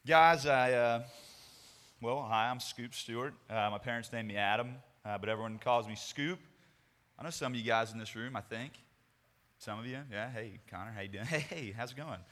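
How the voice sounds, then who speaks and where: A man's voice: mid-range voice, moderate pace, a bit bright. A young man speaking casually to a youth group, rambling and self-deprecating with jokes before turning to a sermon. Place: large meeting room with a crowd. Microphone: handheld microphone. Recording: hall reverb.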